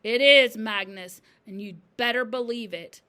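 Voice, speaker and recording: A woman voicing a commanding, menacing male ghost from a storybook in slow, emphatic words. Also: a little high, pushed and bright, clear, resonant tone.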